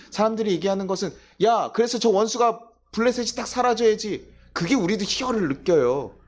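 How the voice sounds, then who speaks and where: Male pastor, sermon, quick delivery, very expressive pitch, church setting. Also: breathy edge. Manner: animated, acts out quoted voices of people. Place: church sanctuary.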